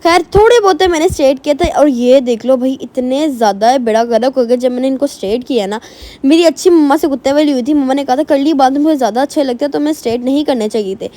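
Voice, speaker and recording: A woman's voice: sits high, fast talker, warm tone. A young woman giving a casual, self-mocking voice-over for her makeup routine, rambling and chatty. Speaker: beauty vlogger. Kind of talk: casual get-ready-with-me voice-over.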